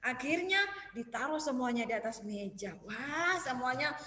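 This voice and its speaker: A woman preschool teacher telling a story and leading young children in an online class, animated and exclaiming. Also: high-pitched, normal speed, a little hiss or hum. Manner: animated, exclaiming, sing-song. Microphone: video call. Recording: echoey room with long reverb.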